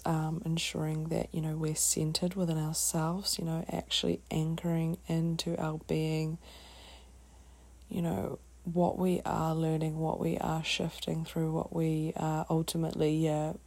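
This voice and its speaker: Low, creaky, slow New Zealand woman. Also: dark tone. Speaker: podcast host. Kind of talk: reflective solo wellness talk.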